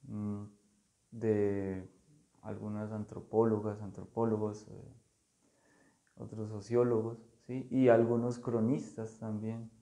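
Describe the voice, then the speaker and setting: A low, gravelly-voiced man talks unhurriedly in an artist's studio. His tone is dark and mellow, and his delivery stays flat and halting, full of fillers. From Colombia. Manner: slow, thoughtful, halting with many fillers. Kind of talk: casual conversation about art.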